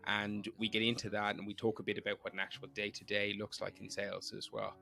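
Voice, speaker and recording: A man's voice: lowish voice, little pitch movement, quick pace, gravelly, sharp tone. A man hosting a podcast in a conversational style, explaining things and putting questions plainly to listeners and guest. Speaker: podcast host. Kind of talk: conversational podcast introduction and interviewing.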